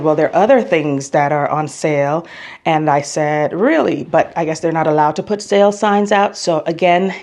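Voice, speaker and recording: A travel vlogger from the United States talks in a low, somewhat mellow voice. Her style is casual and chatty, full of opinions, and she hammers things home through emphatic repetition.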